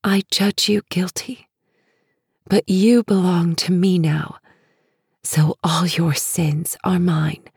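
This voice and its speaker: Woman doing a torn young heroine, whispered role-play, soft and tiny, husky and low, dry close sound. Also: steady tone, slow, no echo, heavily acted. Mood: tender. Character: young woman torn between vengeance and love.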